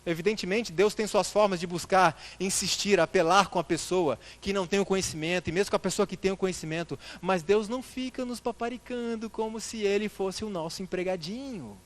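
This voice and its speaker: A man's voice: high-pitched, brisk, few pauses. A man giving a church lecture, putting rhetorical questions to the congregation and calling them brothers. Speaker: church speaker.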